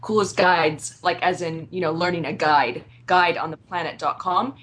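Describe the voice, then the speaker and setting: A woman's voice: fairly low pitch, steady tone, normal speed, fairly bright tone, slight background noise. A woman with an American accent co-hosting a podcast in casual, chatty talk that often breaks into laughs. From United States. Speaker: podcast co-host.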